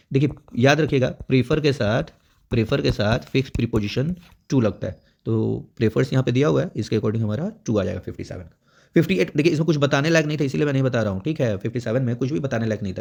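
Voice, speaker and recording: A man's voice: medium pitch, creaky, a little mellow. A man teaching an exam prep grammar lesson, explaining step by step and checking in often. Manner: explains step by step with frequent "theek hai" check-ins.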